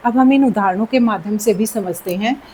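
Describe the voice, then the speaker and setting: A woman's voice: medium pitch, brisk, a little mellow, a little hiss or hum, low-quality recording. A woman teaching Hindi grammar in a patient classroom manner, repeating key words and checking in often. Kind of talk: slow, deliberate classroom explanation.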